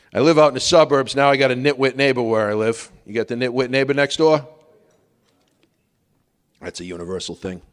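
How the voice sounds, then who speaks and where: Wry comedian in an echoing hall. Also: male voice, medium pitch, normal speed, long pauses. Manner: wry storytelling, asking the crowd questions. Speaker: stand-up comedian. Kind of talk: stand-up comedy routine. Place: stage in a large hall. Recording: long reverb of a theater hall.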